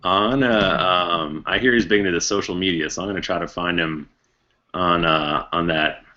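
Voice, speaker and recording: A man's voice: deep voice, moderate pace, pushed and bright, lo-fi sound. A man playing a sly, goading small-town schemer in improvised role-play, stumbling and needling as he goes. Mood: scheming. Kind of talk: improvised role-play at a live tabletop game.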